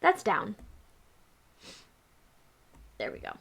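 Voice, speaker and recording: A woman hosting her own channel, chatting casually and rambling through a list of her past videos with asides. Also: very slow. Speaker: channel host.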